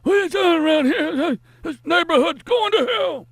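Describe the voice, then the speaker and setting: A man voicing a cranky old man yelling at the neighborhood kids, in a high, strained shout. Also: animated, normal speed, no room sound, studio quality, heavily acted. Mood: grumbling.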